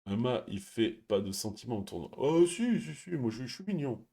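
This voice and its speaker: A man hosting a stream, chatting casually and reading viewer messages, speaking quietly and laughing often. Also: medium pitch, sing-song, moderate pace, gravelly. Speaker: stream host.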